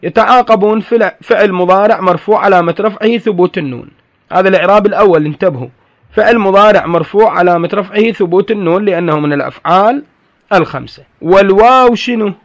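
A man's voice: high-pitched, quick pace. A man teaching grammar, patiently explaining and repeating key terms to his students. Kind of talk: classroom lecture on grammar.

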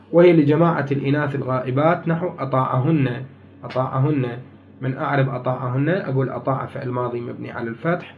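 A man with an Iraqi Arabic accent teaching a grammar lesson, repeating key words and quizzing his class. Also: high voice.

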